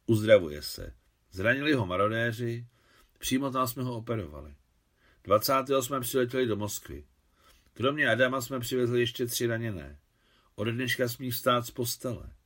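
A man voicing a brisk, commanding woman, a general's wife, who speaks in a loud, commanding tone. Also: mid-range voice, lively intonation. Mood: reassuring.

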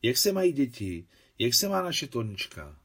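A man's voice: mid-range voice, very animated, a bit bright. A man voicing a fussy, good-natured older aunt in an audiobook, homely and a little fearful.

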